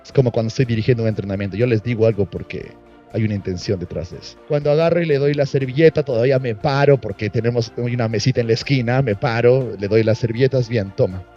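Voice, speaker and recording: A man's voice: mid-range voice, fast talker, mellow, muffled recording, faint music behind. A man teaching a workshop, telling a story about a client and acting out both sides of the dialogue. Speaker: NLP trainer.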